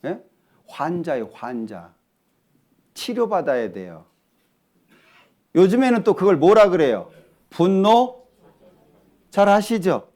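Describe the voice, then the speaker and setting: A man preaching a sermon in church, lively and talkative, often asking the congregation questions. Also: high-pitched. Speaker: pastor. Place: church hall.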